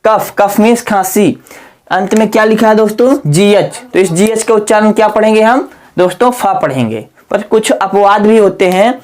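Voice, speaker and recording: A man teaching English grammar in a classroom style. He often puts questions to the listener and answers them himself, spells words out slowly letter by letter, and drops low and quiet when he gives the answer.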